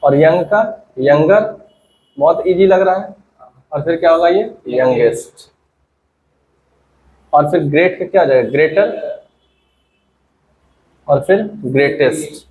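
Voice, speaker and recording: Higher-voiced male teacher quizzing a class. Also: unhurried, pauses often, a little mellow, slight background noise, poor audio. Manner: quizzing students, prompting them to answer together. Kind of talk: classroom grammar lesson. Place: classroom with students.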